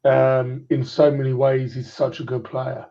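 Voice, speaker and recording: A man's voice: mid-range voice, completely flat delivery, a little slow, vocal fry, mellow. A man in his forties on a clipped phone line, chatting about football in a rambling way and restarting his points over and over. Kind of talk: casual football chat.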